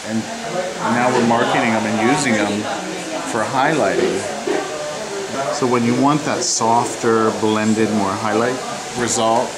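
A man's voice: lowish voice, unhurried, poor audio. A man in his forties, a salon colorist, casually explaining hair color products to a camera held close in an indoor salon. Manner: relaxed explaining, chatty. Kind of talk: casual demonstration. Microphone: handheld camera held close. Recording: loud salon crowd chatter.

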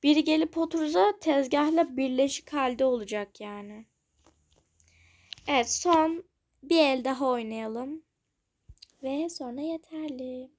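A woman's voice: high voice, a little slow, pauses often, darkish tone. A young woman casually commenting on a café game she is playing, chatting to her viewers with giggly, self-conscious asides. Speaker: gaming channel host.

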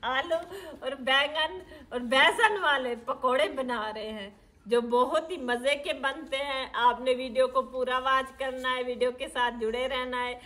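Cooking in a brick-walled outdoor courtyard, a middle-aged woman from Pakistan who runs a village cooking vlog narrates each step of a recipe. Her instructions are homely and matter-of-fact, full of fillers, and her high-pitched voice sounds pushed and bright at an unhurried pace.

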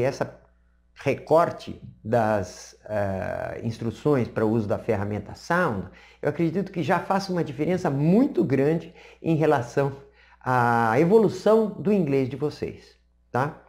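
A woman teaches an online lesson in a low, mellow voice. Her pitch swings widely as she explains. She keeps checking in with her listeners through quick rhetorical questions. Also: very animated. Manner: chatty, peppers talk with rhetorical checks. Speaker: English teacher.

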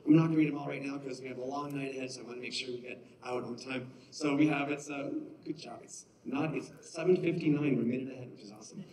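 A man's voice: mid-range voice, fast talker, hardly any pauses, a little mellow. A man hosting a concert, making chatty, upbeat stage announcements in a concert hall, heard from far off. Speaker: concert host.

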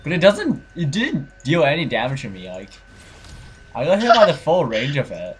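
A man's voice: on the high side, big pitch swings, moderate pace, husky. A young man chatting casually while playing a game, laughing often and swearing now and then. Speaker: gamer playing and commentating. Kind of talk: casual gaming chat.

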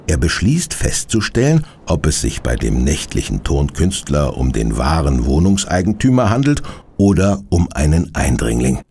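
Brief: male narrator for a children's audio drama, gravelly voice, lively tone. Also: very deep voice, slight background noise. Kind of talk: scripted storytelling for children.

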